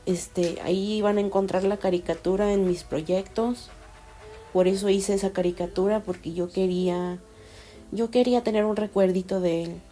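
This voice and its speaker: Mellow-voiced woman confiding a personal story. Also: mid-range voice, steady tone, moderate pace. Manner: confiding, rambling with many fillers and restarts. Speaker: vlogger.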